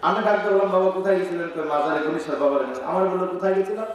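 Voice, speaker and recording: A high-voiced man with a Bangladeshi Bengali accent preaches at an outdoor gathering, half chanting and half shouting. His voice carries with heavy echo, as if through loudspeakers heard from a distance. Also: very fast. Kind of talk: sermon. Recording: echoing loudspeaker sound from far off.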